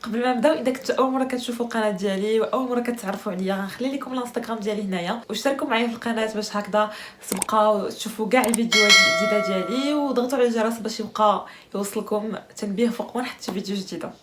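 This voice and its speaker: A woman's voice: mid-range voice, racing, a bit bright, slight background noise. A woman in her twenties from Morocco with a Moroccan Arabic accent, chatting casually as a vlogger answering viewer questions and laughing often between answers. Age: 20s. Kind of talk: casual Q&A vlog.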